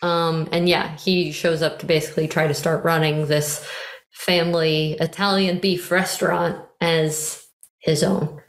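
A woman's voice: low voice, level tone, a little slow, reverberant. A woman co-hosting a casual chat about TV shows, enthusiastic and full of fillers. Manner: enthusiastic, chatty, many fillers. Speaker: podcast co-host.

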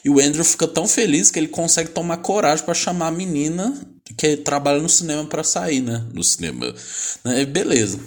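A young man with a Brazilian accent casually retelling a film's plot, chatty and slangy, tagging nearly every phrase with a quick question. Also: a little high, lively intonation. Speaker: film recapper.

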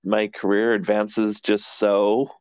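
A man's voice: on the low side, little pitch movement, slow, clean tone, no echo. A man hosting a podcast, chatting casually in a rambling, self-deprecating way and laughing often. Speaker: podcast host. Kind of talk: casual chat.

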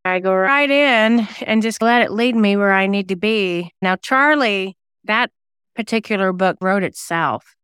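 In a clean, dry studio recording, a woman speaks at a measured pace with a mid-range, fairly bright, smooth voice. She's an interview guest, a singer-songwriter and novelist who used to be a radio DJ, reflectively sharing personal anecdotes about her creative work.

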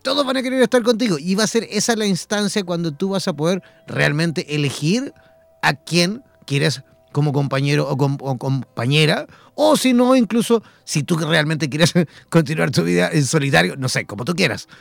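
Gravelly Chilean man, chatty talk. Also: a little high, animated, normal speed, no echo. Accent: Chilean Spanish. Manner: chatty, repeats himself, frequent fillers. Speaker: conversation partner. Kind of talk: casual conversation.

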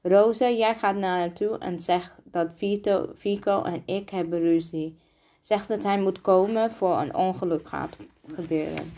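A scheming young boy in a storybook, as a woman reader voices him. He plots in a low, sure tone at a slow, unhurried pace, with a slightly low pitch. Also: dark tone. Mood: plotting.

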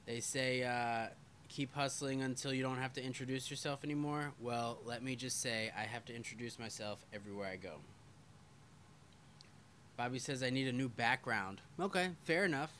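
A man's voice: medium pitch, normal speed, fairly bright tone, slight background noise. A man hosting a podcast live stream, chatting casually and reading viewer comments aloud, loose and self-deprecating, with the odd curse word.

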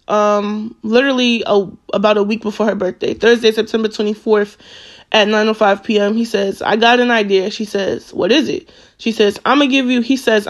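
A social media commentator talking casually, reading a string of text messages aloud with frequent fillers and self-corrections. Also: medium pitch.

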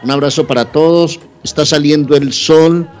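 A man's voice: fairly high pitch, steady tone, moderate pace, a little mellow, soft background music. Cheerful radio commentator, man. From Antioquia, Colombia. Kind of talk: upbeat radio greetings and promos.

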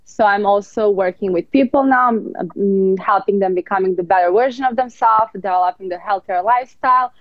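A woman's voice: medium pitch, fairly quick, few pauses, no echo, highs cut off. A woman in her twenties from Serbia, a guest talking openly and unhurriedly in a casual interview. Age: 20s.

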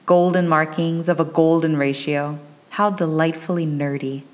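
A woman reader voicing a clever young witch in a soft, often whispered tone, in a fan audiobook. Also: deep voice, fairly even intonation, moderate pace, natural voice. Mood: wry amusement.

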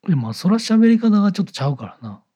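A man's voice: high-pitched, sing-song, racing, dark tone, slightly rough. A man from the Kyoto area with a Kyoto-style Kansai accent, chatting casually as a co-host. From Kyoto area, Japan. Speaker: podcast co-host. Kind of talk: casual chat.

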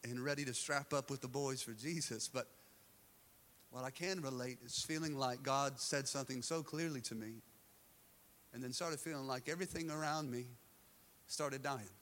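A man preaching a live church sermon as pastor, animated and joking, swinging between loud acted-out dialogue and quiet intensity. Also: medium pitch. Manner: drops to quiet, slow, intense delivery; jokes with the congregation. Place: church service.

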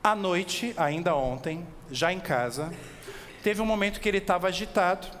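A man with a Brazilian accent preaching an expository sermon, animated, asking his listeners direct questions and slowing down on key words. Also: high voice. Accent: Brazilian Portuguese. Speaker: pastor. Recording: long reverb with faint background noise.

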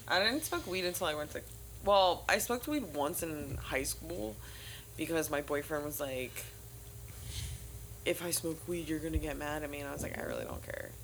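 A woman's voice: sits low, normal speed, noisy background. A young woman hosting a podcast, telling stories in casual chat and swearing freely. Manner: lively storyteller, swearing freely. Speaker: podcast host.

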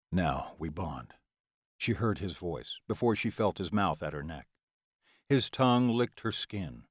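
A man reads a romance audiobook in a steady, measured way. His voice sits on the low side, and the recording is close and dry. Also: dry recording. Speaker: audiobook narrator. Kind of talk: scripted narration.

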